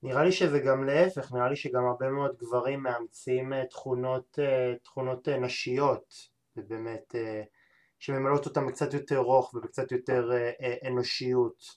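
A man's voice: mid-range voice, steady tone. A man hosting an interview podcast, talking hesitantly with many filler sounds and restarts. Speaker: podcast host. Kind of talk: interview conversation.

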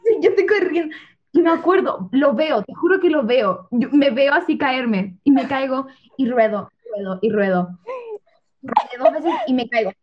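A young woman telling a funny story among friends, animated and laughing as she goes. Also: high voice, moderate pace. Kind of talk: casual chat. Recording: dull lo-fi sound with faint noise.

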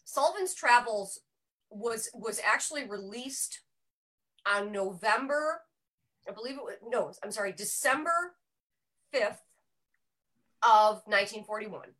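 Bright-voiced woman presenting a film. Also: fairly high pitch, lively intonation, a little slow, long pauses, low-quality recording. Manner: chatty, explanatory, self-correcting. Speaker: panel member presenting a film pick. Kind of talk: casual film discussion. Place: small room with a group around one mic.

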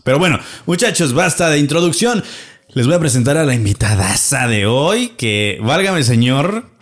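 A man's voice: a little high, lively intonation, brisk. A man hosting a podcast like a playful ringmaster, announcing theatrically to his audience and chatting jokingly. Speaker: podcast host. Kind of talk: casual, joking podcast chat.

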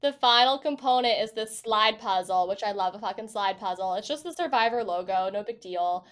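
A woman co-hosting a podcast, casually recapping a reality show episode with swearing and lively quoted voices. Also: mid-range voice, fairly quick. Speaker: podcast co-host.

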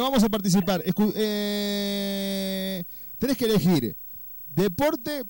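A man's voice: high voice, dark tone, no echo, clean studio sound. A man with an Argentine accent hosting a comedic radio call-in, teasing the caller in a crude, mock-flirty way. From Córdoba, Argentina. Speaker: radio host.

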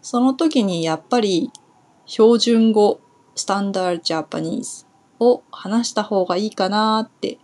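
A young woman from Kumamoto in Japan, talking through a relaxed solo Japanese lesson in a chatty way, pausing on soft fillers as she thinks aloud. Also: mid-range voice. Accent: standard Japanese. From Kumamoto, Kyushu, Japan. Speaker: Japanese teacher.

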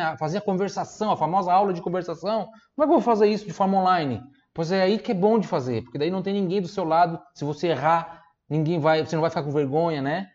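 Southern Brazilian man, Santa Catarina accent, chatty online teacher drilling pronunciation, slightly high voice, muffled lo-fi audio. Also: a little mellow. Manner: chatty, repeats tag questions, drills words slowly. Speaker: Italian teacher. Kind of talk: online language lesson.

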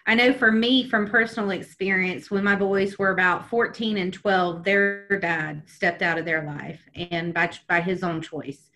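A woman's voice: lowish voice, fairly even intonation, unhurried, hardly any pauses, sharp tone. A woman hosting a conversational interview, supportive and affirming, sharing research and her own experience as a parent.

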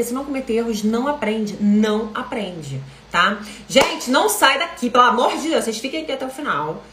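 A woman's voice: on the high side, slight background noise. Woman, Brazilian Portuguese accent, language coach, chatty live stream, echoey room. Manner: animated, chatty, keeps addressing viewers. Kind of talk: live stream talk to viewers.

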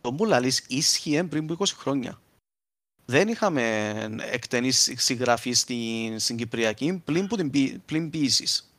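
A man's voice: medium pitch, animated, fairly bright tone, no echo. Man with a Cypriot Greek accent, dry sound. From Cyprus. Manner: speaks in Cypriot dialect, switching to standard terms. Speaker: linguist speaker. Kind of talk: informal explanatory talk with examples.

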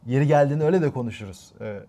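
A man's voice: mid-range voice, racing, dark tone. A young man co-hosting a casual live stream, chatting and reading out viewer poll results. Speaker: co-host.

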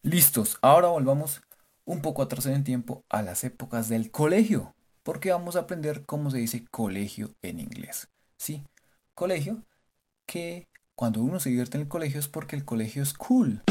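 A man hosts a playful language lesson, slowly and patiently spelling words out letter by letter. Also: mid-range voice, lively intonation, a little mellow. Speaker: English teacher and show host.

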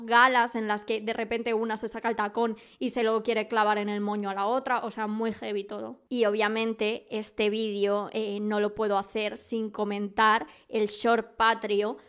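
Young woman, Spain Spanish accent, casual podcast chat, gossipy, animated, smooth clear voice. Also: a little high. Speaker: podcast host.

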